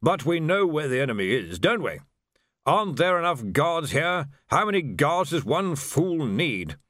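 A gruff old commander growls his scorn in slow, clipped phrases, as a narrator plays him. He is blunt and dismissive, and his voice rises and falls. The recording is dry. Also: a little high, sing-song, a bit bright, no room sound, voice pushed up. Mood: gruff, scornful. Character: blustering old male military lord.

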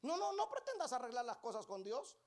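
Woman, preacher, sermon, animated, acts out dialogues, questions the congregation, bouncy pitch. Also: a little fast.

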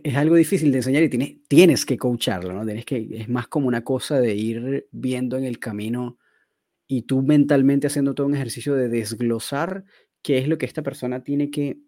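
A man's voice: mid-range voice, moderate pace, darkish tone, dry recording. A man, chatting casually as a podcast co-host about dog training. He thinks aloud in loose, searching phrases. The recording is dry and close, with no room sound.

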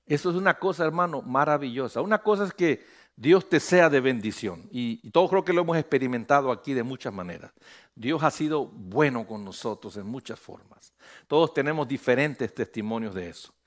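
A pastor preaching a sermon on a church stage, animated, slipping English phrases in and building to loud emphatic peaks. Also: male voice, mid-range voice. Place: church stage under bright lights.

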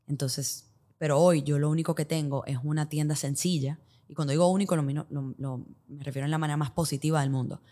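A woman with a Dominican accent and a low, warm voice speaks as an expert guest on a podcast. She explains things in Spanglish, slipping English business terms into her Spanish and using hypothetical examples in interview-style talk.

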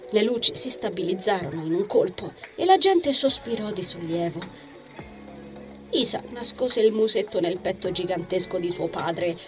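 A woman narrating an audiobook in a measured, expressive reading. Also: fairly low pitch.

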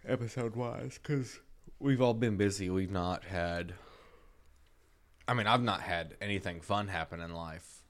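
A man's voice: deep voice, unhurried, a bit bright. A man co-hosting a podcast in casual chat, rambling and slangy, often repeating his words. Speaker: podcast co-host.

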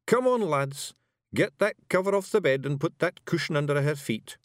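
A man voicing a tough, bossy little male fairy clan leader with a Scottish accent and a gruff, blunt way of talking. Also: on the high side, lively intonation, moderate pace, no echo, clean studio sound, pitched above the performer's own voice, close to an everyday voice.

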